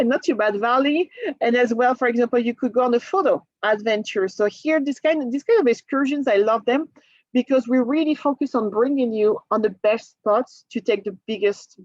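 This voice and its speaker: A woman's voice: on the high side, no room sound. Chatty French-accented woman, dull dry sound. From France. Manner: chatty, laughs often, frequent restarts. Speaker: travel agent presenting a cruise. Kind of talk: casual presentation to a group.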